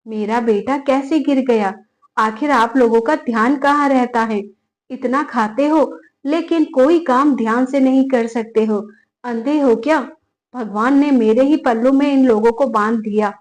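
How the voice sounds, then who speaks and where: Woman narrator putting on a loud, scolding young daughter-in-law for a storybook, high and sharp-tongued. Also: measured pace, close to an everyday voice. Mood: angry scolding. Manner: shouting, scolding, threatening.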